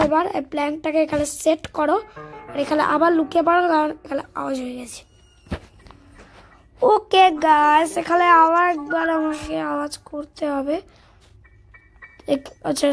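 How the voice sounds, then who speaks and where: A woman with a strikingly high voice talks through a game in loose, casual commentary. She chats to her viewers and keeps teasing and calling out to the villain on screen, with faint music behind her. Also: fairly bright tone. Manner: chatty, taunts and calls out to the game villain. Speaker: gaming channel host.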